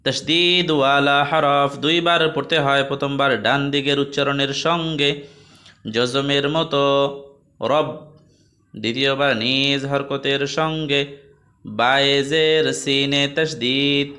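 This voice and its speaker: A man with a Bangladeshi Bengali accent teaching a Quran reading lesson, spelling out each letter and vowel mark before reciting the joined words slowly. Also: mid-range voice, fairly even intonation. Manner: softer, quicker asides to students between drills. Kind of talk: slow step-by-step recitation lesson.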